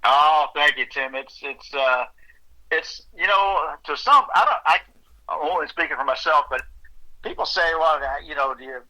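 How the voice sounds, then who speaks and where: A man's voice: fairly high pitch, moderate pace, sharp tone, low-quality recording. A middle-aged man, a songwriter, chatting earnestly and humbly as a guest in an interview. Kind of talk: casual interview chat.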